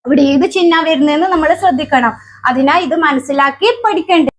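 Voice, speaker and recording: A woman with a Keralan Malayalam accent teaching children letters. She asks question after question, answers them herself, and sounds out letters slowly. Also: high voice. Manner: slow, drawn-out sounding of letters. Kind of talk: children's alphabet lesson.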